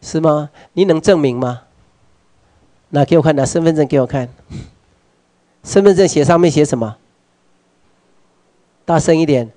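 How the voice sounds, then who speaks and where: A man with a Taiwanese accent lectures a live workshop audience in a meeting hall at a normal speed, leaving long pauses. His voice leans high as he questions listeners directly, uses Hokkien phrases, and alternates quiet asides with loud urging. The recording is dry.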